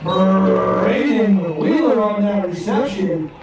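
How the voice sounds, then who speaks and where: Man, stadium PA announcer, high slow voice, distant echoing loudspeaker, crowd. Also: creaky. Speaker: stadium public address announcer. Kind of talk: public address sports announcing.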